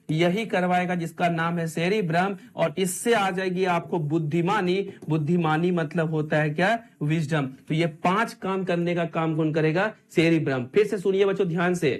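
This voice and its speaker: Once more the high-voiced male tutor leads his virtual exam-prep class through repetitive drills, posing the same questions to the students for them to answer in chorus.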